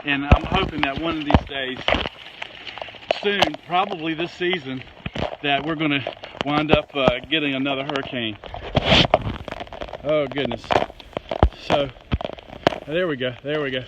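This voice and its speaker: A man with a Southern US accent giving a folksy, excitable, casual live storm report outdoors in wind and rain. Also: measured pace, pauses often, muffled recording. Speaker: amateur weather reporter. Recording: windy outdoor noise, clicks and rumble.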